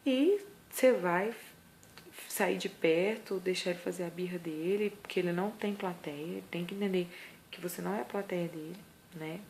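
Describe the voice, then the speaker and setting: A woman's voice: lowish voice, normal speed, a little mellow, slight background noise. A woman with a Brazilian accent, a mother giving parenting advice in a casual vlog, earnest and emphatic. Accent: Brazilian Portuguese. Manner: earnest, emphatic, acts out scolding lines.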